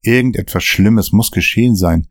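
A man narrating a scripted story podcast in a steady, measured way. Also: on the low side, no room sound, clean studio sound.

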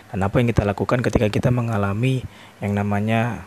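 Deep-voiced man giving a casual devotional. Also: steady tone, fast, a little mellow. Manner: informal, addresses listeners as "guys", frequent "eh" hesitations.

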